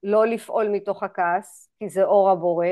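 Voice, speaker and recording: A woman guiding a women's group session, animated and acting out inner dialogue in hushed asides. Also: medium pitch. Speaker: spiritual group facilitator.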